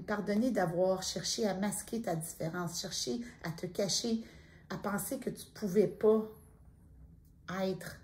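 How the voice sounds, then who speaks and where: A middle-aged woman with a Quebec French accent giving a gentle, intimate spiritual card reading, speaking straight to the listener. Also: mid-range voice. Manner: soft-spoken, intimate, addresses listener directly. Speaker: tarot card reader.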